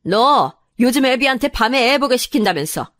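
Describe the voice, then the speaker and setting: A woman voicing a harsh older mother-in-law who scolds in a sharp, shrill manner for a radio drama. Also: lively intonation, moderate pace. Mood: scolding.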